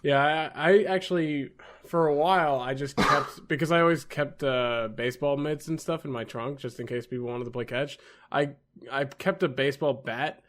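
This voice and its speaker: A man's voice: mid-range voice, moderate pace, a bit bright, slight background noise. A young man from the New York area co-hosting a podcast, telling stories in a casual, profane way. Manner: swearing, storytelling, laughs often. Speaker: podcast co-host. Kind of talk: casual chat.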